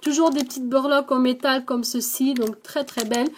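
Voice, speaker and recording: A woman with a high voice and a non-native French accent hosts her own scrapbooking channel, chatting casually as she shows off the craft mail she was sent. She talks a little fast, in a relaxed way full of small hesitations and repeated "donc". There's slight background noise.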